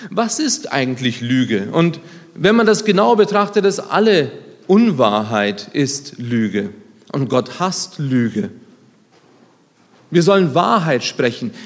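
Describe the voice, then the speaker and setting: A man in his thirties preaching a sermon, lively and conversational, swinging between loud emphatic lines and quiet, low asides. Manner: conversational, self-deprecating asides. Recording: long hall reverb.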